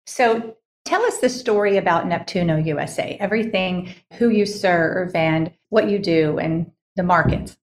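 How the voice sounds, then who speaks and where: A woman hosting a podcast interview, asking steady framing questions. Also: lowish voice, moderate pace, few pauses, slight background noise. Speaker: podcast host.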